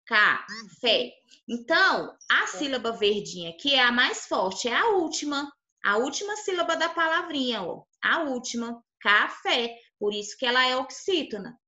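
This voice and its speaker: Bright, patient Brazilian teacher in an echoey room. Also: female voice, high voice, big pitch swings, normal speed, dull audio. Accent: Brazilian Portuguese. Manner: patient, explains step by step, often checks understanding. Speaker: primary school teacher. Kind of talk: online lesson for young children.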